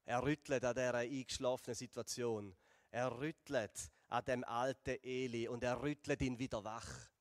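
Swiss German pastor preaching in a hall. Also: male voice, mid-range voice, studio quality. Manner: lively storytelling, slowing and dropping softer for emphasis. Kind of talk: sermon retelling a Bible story.

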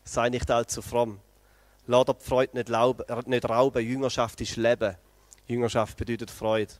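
A man preaching a lively sermon, telling the story with energy and speaking straight to the congregation. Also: medium pitch, normal speed, no room sound. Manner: animated storytelling, addresses the congregation directly.

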